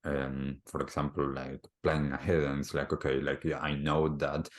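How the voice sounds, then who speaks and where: A man from Argentina with an extremely low voice, speaking as a wellbeing coach on a podcast. He talks in a thoughtful, unhurried way and leans on "you know, like" as he works through his ideas. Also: flat delivery. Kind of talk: reflective conversational talk.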